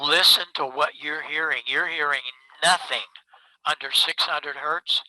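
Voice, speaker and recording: A man's voice: a little high, no room sound. An older man who builds microphones, presenting to a club over a video call and quizzing himself with rhetorical questions. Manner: lively demonstrator, asks himself rhetorical questions. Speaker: guest speaker, microphone maker. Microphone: video call mic.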